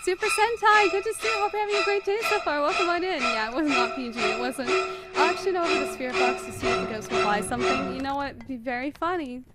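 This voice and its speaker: A woman streaming a game live, talking extremely fast and chatting with viewers as she plays. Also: sits high, loud music behind the voice. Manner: chatty, greets viewers by name. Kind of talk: live gameplay commentary.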